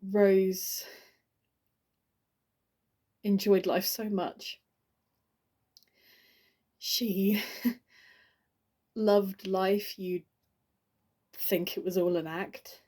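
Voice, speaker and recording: For an audition monologue, an actress plays a grieving woman giving a eulogy for her friend, halting, stammering, and restarting again and again. Her voice sits mid-range, mellow and level in tone.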